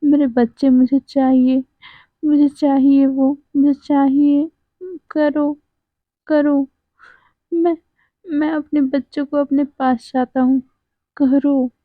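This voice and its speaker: A woman's voice: high voice, little pitch movement, slow pace, long pauses, no room sound. A woman voicing a desperate young man who begs tearfully, over and over, for his children. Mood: tearful pleading. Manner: sobbing, repetitive begging. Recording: tinny phone-like sound.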